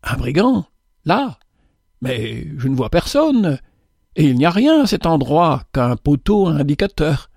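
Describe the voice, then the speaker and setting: A man voicing a calm, kindly male traveler who speaks in a gentle, reassuring way. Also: on the high side, a little slow, gravelly, dry recording, clean studio sound, heavily acted. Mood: puzzled.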